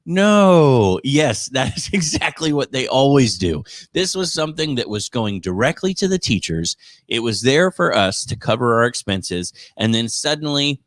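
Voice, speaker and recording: A teacher hosting a podcast gives casual live commentary on education news, sounding exasperated and sarcastic. His mid-range voice is very animated and a bit bright, at a normal speed. The sound is clean studio quality with no room sound.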